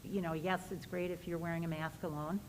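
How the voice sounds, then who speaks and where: Lowish-voiced woman in an echoey hall. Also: little pitch movement, a little fast. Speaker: board member. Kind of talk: meeting discussion. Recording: echoey hall with faint noise.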